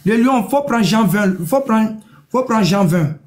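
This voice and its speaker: A man in a heated religious debate, pushy, repeating his demands and telling the other to calm down. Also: high voice, measured pace.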